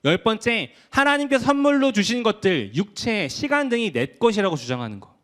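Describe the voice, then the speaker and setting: A man's voice: high-pitched, big pitch swings, a little fast, a bit bright. A young man preaching a casual youth sermon, talking conversationally and acting out what teens say. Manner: conversational, acts out quoted voices of teens. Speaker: youth pastor.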